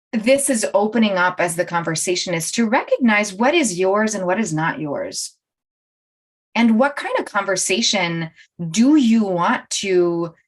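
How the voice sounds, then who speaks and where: A woman life coach hosting a live-streamed talk, chatting directly to her viewers and laughing often as she speaks. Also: fairly low pitch. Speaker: life coach and show host.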